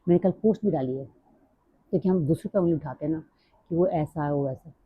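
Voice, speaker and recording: Middle-aged woman vlogger, quick rambling talk, dry tinny phone-like sound. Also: deep voice, husky, dry recording. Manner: fast-talking; rambling, drifts off topic. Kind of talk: casual personal vlog talk.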